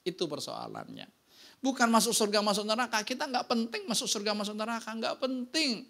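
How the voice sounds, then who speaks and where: A pastor preaching a casual, lively sermon, telling stories and often checking in with the congregation. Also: male voice, sits high, fairly quick, creaky. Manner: casual, slangy preaching with anecdotes.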